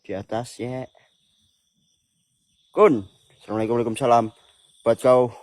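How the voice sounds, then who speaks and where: Young guy on a ghost hunt vlog, hushed and low, dry close phone sound, crickets chirping. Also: steady tone, measured pace, no room sound. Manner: hushed and low when calling out to spirits. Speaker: ghost-hunting vlogger. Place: abandoned villa at night, outdoors among crickets.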